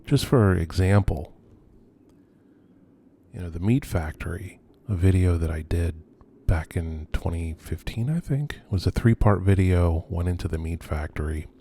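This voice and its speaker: A man's voice: low-pitched, a little slow, dark tone, slightly rough. A man giving an unscripted narrated tour as an urban explorer, speaking in a hesitant, musing, subdued way with trailing phrases. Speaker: video host and urban explorer. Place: on location at night around abandoned row houses. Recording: noisy ambient location recording.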